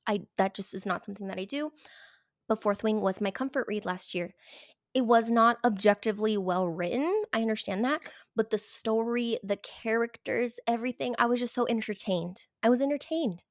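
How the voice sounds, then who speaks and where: An emphatic, animated woman chats casually about books, and her voice sits a bit higher than most. She often drops into a whisper for effect. The sound is close and dry. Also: no echo. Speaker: book reviewer. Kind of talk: casual chat.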